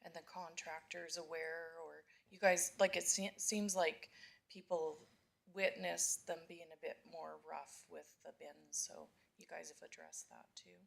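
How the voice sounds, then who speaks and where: A woman's voice: low-pitched, expressive, a little slow, gravelly. A woman councillor asks hesitant follow-up questions in a council meeting, with plenty of fillers. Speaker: town councillor. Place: council chamber.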